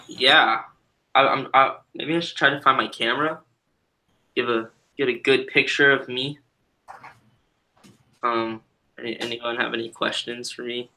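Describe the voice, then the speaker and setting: A man's voice: mid-range voice, vocal fry, pushed and bright. A man chatting casually as a guest on a live stream, rambling and cutting himself off mid-thought. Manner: rambling, self-interrupting. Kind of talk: casual chat.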